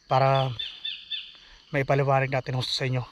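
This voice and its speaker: A man's voice: medium pitch, completely flat delivery, fairly quick. Uneasy man vlogging outdoors on a phone. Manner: hushed, uneasy, urging to leave. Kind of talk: casual vlog narration. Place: outdoors near a forest. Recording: dull lo-fi phone audio with outdoor noise.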